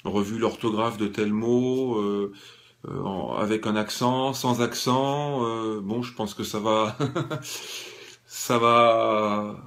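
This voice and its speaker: A man vlogging a casual satirical monologue, ironic and halting, with many fillers. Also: on the low side, steady tone, a bit bright.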